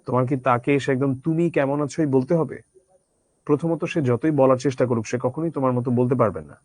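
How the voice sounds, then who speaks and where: A man's voice: medium pitch, a little fast, a little mellow, no room sound. A man teaching a literature lesson conversationally, asking his students rhetorical questions. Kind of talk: Bangla literature lecture.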